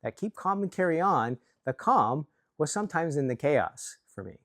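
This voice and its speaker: A man's voice: a little high, big pitch swings, normal speed, dry recording, clean studio sound. A man from Chicago giving an earnest, self-reflective talk to camera about workplace leadership, often restarting his words. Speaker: leadership coach.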